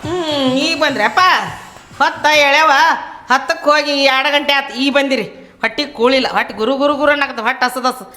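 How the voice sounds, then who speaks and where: A woman's voice: high-pitched, steady tone, a little fast, pushed and bright, echoey room, faint music behind. A woman, playing a hungry elder woman of the house who nags and complains. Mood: scolding. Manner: nagging, complaining.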